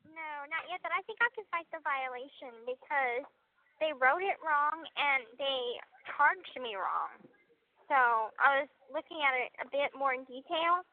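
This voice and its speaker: A woman's voice: sits high, a little slow. A woman inmate calling out on a prison phone line, chatting casually and telling stories with frequent ums. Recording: tinny phone-line audio.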